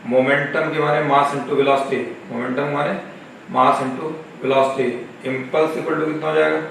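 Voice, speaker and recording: A male physics teacher with a Marathi-influenced Hindi accent giving a slow, repetitive classroom lecture, asking questions and answering them himself. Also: mid-range voice. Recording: echoey classroom, camera far off, faint noise.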